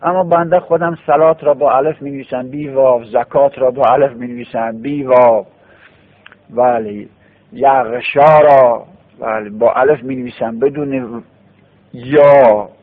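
A man's voice: medium pitch, fairly even intonation. A man giving a classroom grammar lecture, explaining patiently step by step and repeating key forms. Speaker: teacher of Arabic grammar. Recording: tinny phone-like radio broadcast.

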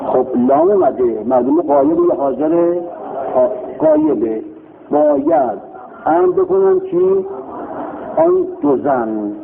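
A man with a gravelly, fairly high voice teaches a grammar class, running through verb forms and putting questions he answers himself. His pitch swings widely as he stresses each form. The sound is thin and phone-like, with a faint hiss. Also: huge pitch swings. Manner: drills conjugations, asking and answering himself. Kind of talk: recorded classroom lesson. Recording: tinny phone-like line with faint noise.

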